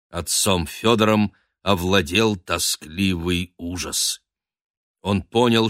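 A man narrating an audiobook in an expressive, dramatic storytelling manner. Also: lowish voice, no room sound, clean studio sound. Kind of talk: scripted narration.

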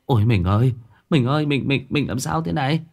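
A man voicing a frantic young groom who calls out for his bride in high, wailing cries. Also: animated, a little fast, gravelly, a little mellow. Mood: anguished.

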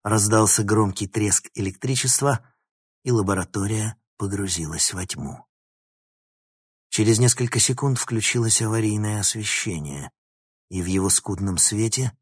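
A man's voice: fairly low pitch, husky, no room sound, studio quality. A man reading a dramatic story aloud as narrator. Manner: dramatic reading, animated phrasing. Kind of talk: audiobook narration.

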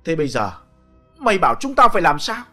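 A man's voice: fairly high pitch, sing-song, quick pace, faint music behind. A man voicing a tense, bossy man who speaks curtly and sharply. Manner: curt, commanding, sharp.

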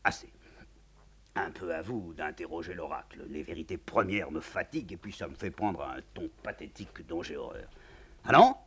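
A man's voice: high voice, expressive, moderate pace, a bit bright, pitched above the performer's own voice, heavily acted. A man voicing a weary aristocratic count with dry, mocking irony, reading a stage play.

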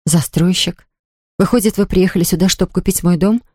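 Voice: mid-range voice, brisk, dark tone, dry recording, close to an everyday voice. A narrator voicing a distraught woman who owns a ruined house, reading in a dry, close studio recording. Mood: overwrought. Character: distraught middle-aged woman, homeowner, near hysterics.

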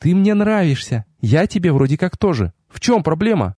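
In a dry, close recording, a male narrator plays a haughty young goddess who turns from teasing to furious in a raised, lively voice. She is imperious and quick to flare up. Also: fairly high pitch, slightly rough, no room sound, pitched above the performer's own voice. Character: haughty proud goddess, young woman, hot-tempered.

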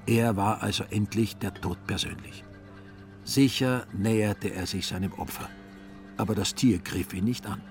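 Narrator, man, low voice, calm ironic storytelling, soft music underneath. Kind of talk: scripted narration in a radio play.

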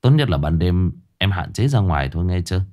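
A man voicing a brooding young husband who speaks gravely in a lowered voice. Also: big pitch swings, a little fast, warm tone.

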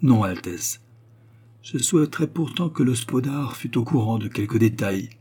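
A man's voice: medium pitch, animated, moderate pace, warm tone, breathy edge, voice pushed up. A man doing a humble old man, grave. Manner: humble and respectful.

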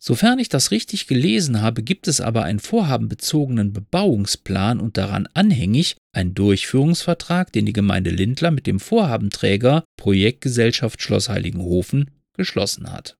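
A man's voice: lowish voice, very animated, moderate pace, gravelly, few pauses, darkish tone, dry recording, studio quality. A man hosting a podcast, musing in a wry, rambling way and reciting a poem. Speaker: podcast host. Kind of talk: monologue and poem reading.

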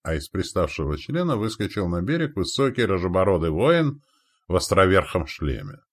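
A man's voice: sits low, very animated, moderate pace. A man narrating a battle story dramatically in an audiobook. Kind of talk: scripted narration.

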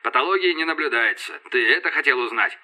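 A male narrator voicing a calm, teasing male fleet commander who speaks evenly. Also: a little high. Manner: calm, unhurried.

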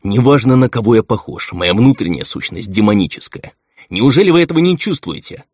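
A man's voice: medium pitch, expressive, fairly quick, slightly rough, no echo, pitched above the performer's own voice. A man voicing a stern, brooding half-demon male envoy who speaks insistently. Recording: dull lo-fi dry recording.

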